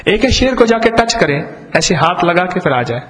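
A Pakistani man preaching and telling parables, his voice pitched fairly high. He acts out the dialogue with lively emphasis. His voice rings through a long hall reverb. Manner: storytelling, acts out dialogue, rising and falling emphasis. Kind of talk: sermon with parables.

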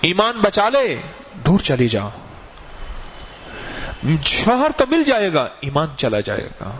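A man's voice: high voice, wildly swooping pitch, fairly bright tone, a little hiss or hum, heavily acted. A man voicing stern hidden spirits who call out from inside a well, giving commanding warnings as part of a told story. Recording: muffled, lo-fi recording.

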